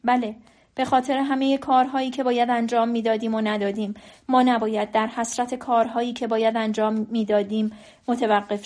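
A woman reading the lines of a frail, dying old man, gentle and wise, in a soft, quiet voice. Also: on the high side, close to an everyday voice.

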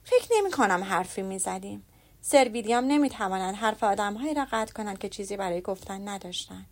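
A woman reading the lines of a witty, spirited young woman in a lively, teasing way. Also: medium pitch.

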